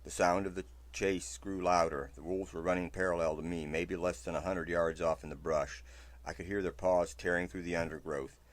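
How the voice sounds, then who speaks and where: A man reading a first-person western story aloud, in a steady, low narration. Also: moderate pace, no echo.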